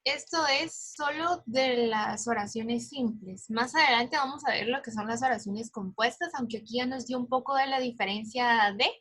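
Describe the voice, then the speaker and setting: A woman teacher with a husky voice, explaining grammar directly to her students. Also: on the high side, moderate pace, few pauses, fairly bright tone. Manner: instructive, addresses the students directly. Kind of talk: class explanation.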